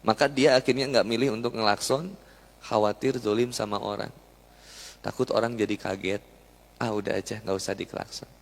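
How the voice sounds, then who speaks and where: Speaking on the low side at a normal speed, a young preacher with a creaky voice and fairly even intonation gives a chatty, jokey sermon. He asks the live audience questions as long hall reverb echoes around him.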